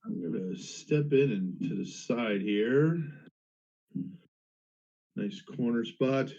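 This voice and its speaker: A man of medium pitch talks casually as a tabletop game player. The recording is a bit dull and lo-fi. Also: expressive, takes it slowly, dark tone. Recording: slightly dull, lo-fi voice audio.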